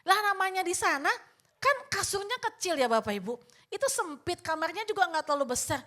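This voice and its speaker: A woman's voice: very high voice, sing-song, fairly quick, sharp tone. An older woman pastor preaching a sermon, telling a personal story and often addressing the congregation, acting out her own past remarks.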